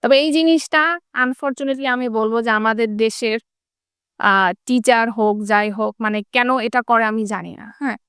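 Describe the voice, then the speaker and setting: Smooth-voiced woman teacher. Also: on the high side, normal speed, fairly bright tone, dry recording, clean studio sound. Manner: asks rhetorical questions, checks in with tag questions. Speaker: English teacher. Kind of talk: explanatory interview talk.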